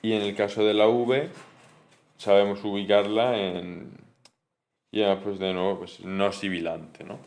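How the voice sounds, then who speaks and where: A man's voice: fairly low pitch, flat delivery, a little slow, vocal fry, darkish tone. Hesitant young man explaining linguistics. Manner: hesitant, frequent fillers and restarts, mixes English terms. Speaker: student explaining coursework. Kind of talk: informal study explanation.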